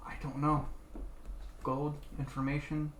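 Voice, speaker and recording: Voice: mid-range voice, level tone, a little slow. A player at a tabletop game asks direct, practical questions in a mid-range voice. The room adds echo and faint noise. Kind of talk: casual tabletop play.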